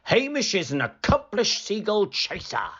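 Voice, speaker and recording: A woman's voice: medium pitch, very animated, moderate pace, fairly bright tone, slightly rough, dull audio, voice pushed up. A woman voicing a mild, proper lighthouse keeper husband in a picture book, with a courteous old-fashioned manner. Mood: agreeable.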